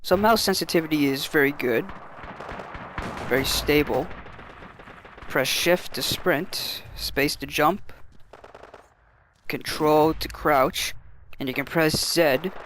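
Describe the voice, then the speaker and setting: A man's voice: fairly high pitch, takes it slowly, long pauses, a bit bright, a little hiss or hum. A man giving casual gameplay commentary in an explanatory, matter-of-fact way. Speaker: game commentator.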